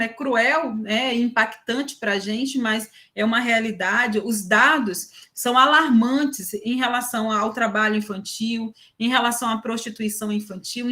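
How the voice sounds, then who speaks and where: High-voiced Brazilian woman lecturing. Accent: Brazilian Portuguese. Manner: frequent "né" tags, lively storytelling. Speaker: university lecturer. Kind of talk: academic talk with personal anecdotes.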